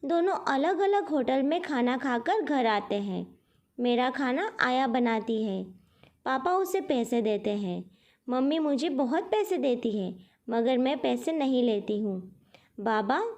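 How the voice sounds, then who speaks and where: A woman's voice: high-pitched, sing-song, measured pace, a little mellow, full character voice. A woman voicing a frightened little granddaughter who speaks anxiously and pleadingly. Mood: worried.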